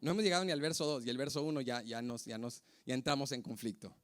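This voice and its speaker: A young adult man preaching a sermon as a pastor, telling personal stories and building to impassioned, near-shouted peaks. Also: medium pitch, fast. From United States. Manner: storytelling, mimics people in anecdotes.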